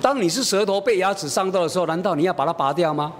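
A man preaching a sermon as a pastor, telling a family story and acting out the dialogue. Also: fast. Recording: echoey hall, faint rumble.

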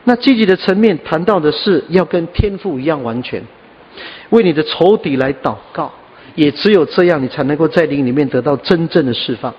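A man's voice: fairly high pitch, lively intonation, a little fast, in a large hall, dull audio. A man preaching a sermon, dropping "ah" and "ha" fillers. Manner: scattered with "ah" and "ha" fillers, earnest. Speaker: pastor.

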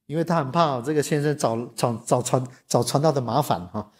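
A man telling a church story during a sermon. He is animated and tags his sentences with "ha". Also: medium pitch, a little fast. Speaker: preacher.

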